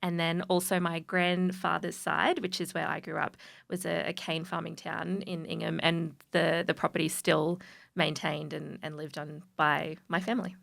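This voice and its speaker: A woman's voice: on the low side, flat delivery, normal speed, vocal fry, fairly bright tone. An Australian woman from North Queensland, a charity guest on a radio interview, speaking in a friendly, earnest way. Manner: friendly, earnest, a few restarts. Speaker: guest, charity supporter specialist.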